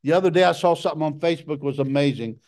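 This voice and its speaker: A middle-aged man preaching a sermon with passion, his voice jumping up high for emphasis. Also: racing, darkish tone. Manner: impassioned preaching, jumps to a high pitch for emphasis.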